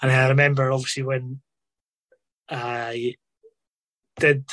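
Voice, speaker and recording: Flat-toned man telling stories. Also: medium pitch, takes it slowly. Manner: rambling, full of fillers like obviously and you know. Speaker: former footballer guest. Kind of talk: casual interview storytelling.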